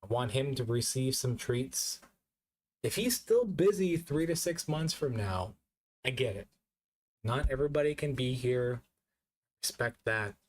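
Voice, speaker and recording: A man's voice: medium pitch, lively intonation, measured pace. Tipsy man rambling on a live stream. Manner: loose, rambling, repeats himself. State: drunk. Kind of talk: casual live-stream chat.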